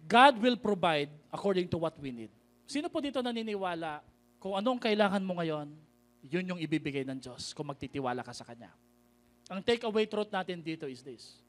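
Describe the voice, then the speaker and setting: Filipino pastor guy, high voice, preaching and reading bible verses slow and punchy. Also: animated. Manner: preaches in mixed Tagalog and English, calling out to the congregation; reads scripture slowly and emphatically. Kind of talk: sermon.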